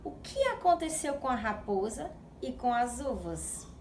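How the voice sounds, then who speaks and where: Slow, lively Brazilian woman teacher. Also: fairly high pitch, slight background noise. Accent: Brazilian Portuguese. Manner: affectionate, talks to children and spells syllables slowly. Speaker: primary school teacher. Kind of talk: video lesson for young children. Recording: echoey room recording.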